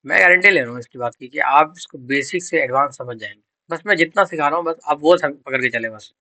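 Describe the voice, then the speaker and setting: A man's voice: fairly high pitch, fast talker, pushed and bright, dry recording, low-quality recording. A man teaching English grammar for exam prep. He quizzes students, answers his own questions and spells out words letter by letter.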